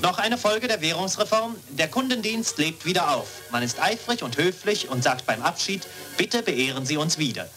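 A man's voice: fairly high pitch, animated, moderate pace, pushed and bright. A man narrating an old newsreel in a chipper, sing-song announcer delivery, heard from an archival newsreel soundtrack. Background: music.

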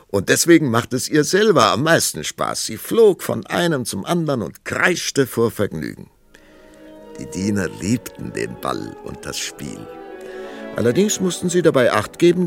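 A man narrating a fairy-tale audiobook in a highly theatrical, expressive storytelling manner. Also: vocal fry, dry recording.

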